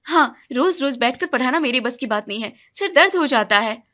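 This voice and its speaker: A woman's voice: sits high, lively intonation, sharp tone. A woman playing an overworked, irritable young mother. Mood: exasperated. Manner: exasperated, complaining, quick to flare up. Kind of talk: animated storybook voice acting.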